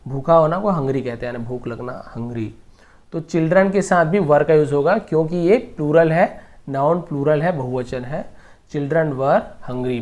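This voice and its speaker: A man teaching English grammar, patiently repeating each example slowly word by word. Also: a little high, a little mellow. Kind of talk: explaining grammar lesson.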